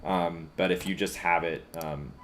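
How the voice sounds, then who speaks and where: A man with a very low voice works through a piece on a live stream and thinks aloud as he goes. His talk is halting and full of fillers. He laughs at his own slips. A faint hiss sits under the voice. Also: fairly even intonation. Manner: halting and musing, many fillers, laughs at himself. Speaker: composer streaming live orchestration work.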